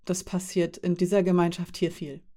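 A woman reading the lines of a calm, friendly man who is part elf and part dwarf, explaining things with quiet amusement. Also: fairly low pitch, normal speed, close to an everyday voice.

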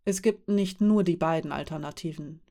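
A woman reading the lines of a calm, friendly man who is part elf and part dwarf, explaining things with quiet amusement. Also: sits low, moderate pace.

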